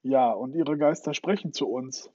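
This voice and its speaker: Male narrator doing a fearful, chubby pirate sidekick; husky voice, lo-fi. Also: mid-range voice, normal speed, warm tone, no room sound, natural voice. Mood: mumbling. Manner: mumbling, fearful. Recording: dull lo-fi recording.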